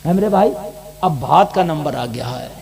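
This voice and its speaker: A man preaching a sermon to a gathering, fiery and direct, rising into shouts. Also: on the high side, animated, moderate pace, creaky. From India. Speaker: mufti preacher.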